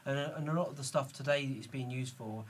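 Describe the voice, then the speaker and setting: A man hosting a casual panel discussion, talking quickly with frequent restarts and fillers. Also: mid-range voice, distant mic, slight background noise. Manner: quick, hesitant, many restarts. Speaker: host.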